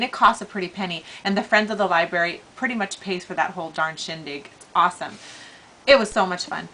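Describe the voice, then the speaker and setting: A middle-aged woman chatting casually to camera as a vlogger, with an animated, gushing, informal way of talking. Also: medium pitch, low-quality recording. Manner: animated, gushing enthusiasm, informal slangy wording. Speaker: vlogger hosting a giveaway.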